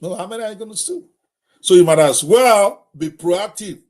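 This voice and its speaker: A man's voice: sits high, expressive, normal speed, a little mellow. A middle-aged Nigerian man hosting a live talk, speaking emphatically and addressing viewers directly, often repeating himself. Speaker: host.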